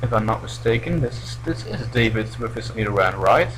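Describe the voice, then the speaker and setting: A young Belgian man, not a native English speaker, provides casual let's play commentary in a mid-range voice that is animated and fairly quick. He sounds hesitant and often restarts his sentences, and the rough recording carries a bit of hiss or hum.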